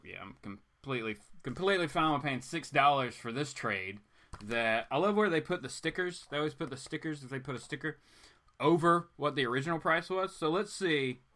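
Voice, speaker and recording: A man with a medium-pitched, bright, forceful voice runs a comics reading livestream. He rambles informally in casual chat and becomes theatrical whenever he reads aloud.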